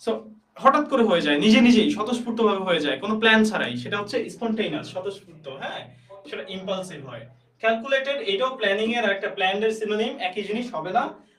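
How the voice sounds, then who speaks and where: A man's voice: sits high, animated, fast, fairly bright tone, reverberant, recorded from a distance. A young Bangladeshi man teaching English vocabulary in a live online class, chatty, reading out student comments and spelling words aloud. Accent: Bangladeshi Bengali. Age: young adult. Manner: chatty, reads out student comments and praises them. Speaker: English admission tutor.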